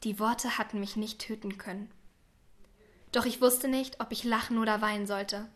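A woman reading a first-person story aloud in a quiet, subdued way, sometimes dropping to a whisper. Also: on the high side, steady tone, normal speed. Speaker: narrator.

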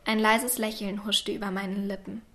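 A woman reading a first-person story aloud in a quiet, subdued way, sometimes dropping to a whisper. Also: mid-range voice, flat delivery, normal speed. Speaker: narrator.

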